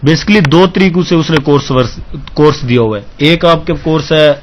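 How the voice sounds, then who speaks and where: A man's voice: on the high side, dull audio, slight background noise. A male teacher giving an exam-prep lecture, explaining step by step, often asking if students follow and mixing English terms into his talk. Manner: keeps checking understanding with questions.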